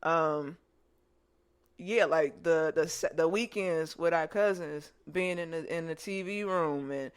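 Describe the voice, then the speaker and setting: A woman hosting a podcast, telling childhood stories in a casual, animated way and laughing often. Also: low voice, slow pace, smooth. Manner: animated, joking storytelling with lots of laughter. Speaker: podcast host. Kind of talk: casual chat, reminiscing.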